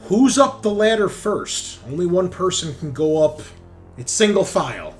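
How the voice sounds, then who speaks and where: Music plays behind a man whose high-pitched voice is animated as he narrates a tabletop roleplaying game at normal speed. As game master, he keeps things casual, profane, and full of banter.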